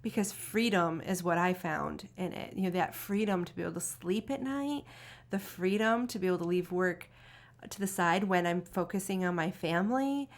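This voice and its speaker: A woman's voice: fairly low pitch, moderate pace. A woman hosting an interview conversation, talking with enthusiasm and laughing easily.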